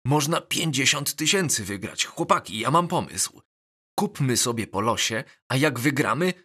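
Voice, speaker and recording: A man voicing an excitable teenage schoolboy in an audiobook, talking with eager, breathless excitement. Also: mid-range voice, moderate pace, breathy edge, voice pushed up. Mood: excited. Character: excitable teenage schoolboy dreaming of lottery winnings.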